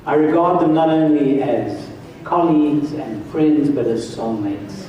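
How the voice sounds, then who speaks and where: A man's voice: a little high, warm tone, far from the mic, dull audio. Older man from South Africa in echoey hall. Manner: slow, earnest, emphatic. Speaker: church health director speaking at a congress. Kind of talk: conference address and prayer. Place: large hall, on stage. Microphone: far camera, room mic.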